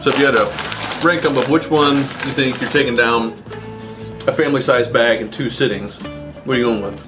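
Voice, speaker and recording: A man's voice: medium pitch, normal speed. Man hosting over guitar music. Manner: conversational, asking his co-host questions. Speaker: host of a snack review show. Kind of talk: casual chat, food review.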